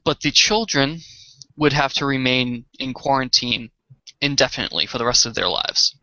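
A man with a Boston accent co-hosting a podcast, explaining things in a slow, halting way with many fillers. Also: medium pitch, expressive, bright, forceful tone, no echo, dull audio. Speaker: podcast co-host. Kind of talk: casual chat.

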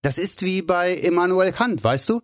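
A man's voice: high-pitched, animated, moderate pace, voice pushed up. A man voicing a tipsy, stubborn male pilot who talks earnestly and a little sulkily. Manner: sulky, earnest.

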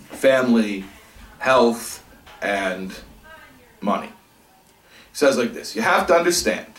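A man teaching a religious class, lively and thinking aloud, acting out examples as he goes. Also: medium pitch. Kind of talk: Torah class lecture. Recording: echoey room, from a distance.

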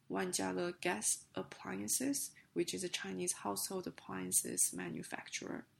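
A woman hosting a business news podcast, reading a script haltingly in a rough, gravelly, hoarse voice. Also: medium pitch, slight background noise. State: hoarse with a sick, coughing voice.

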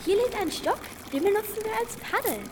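A woman's voice: very high voice, lively intonation, fairly quick. A woman voicing an adventurous young girl in an amateur radio play, with eager, breathless exclamations. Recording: hissy, noisy amateur recording.

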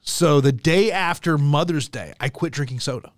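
Animated man in his forties, dry sound. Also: a little high, normal speed, no echo. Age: 40s. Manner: animated, chummy, repeats himself. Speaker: podcast co-host. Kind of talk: casual sports chat.

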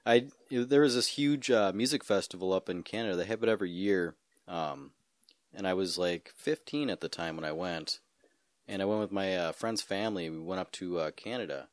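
A young man chatting casually as a podcast host, laid-back and quick to laugh while rambling through stories. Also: low voice, dry recording. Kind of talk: casual chat.

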